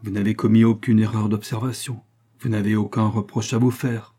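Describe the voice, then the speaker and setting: A man voicing a calm, steady middle-aged male lieutenant in an audiobook, speaking in a tranquil, measured way. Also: lowish voice, husky.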